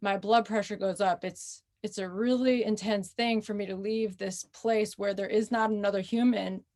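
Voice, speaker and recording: An American woman author speaking in a conversational interview, thoughtful and unhurried, pausing often with fillers. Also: mid-range voice, fairly even intonation, a little mellow. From United States. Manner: thoughtful, with frequent pauses and fillers.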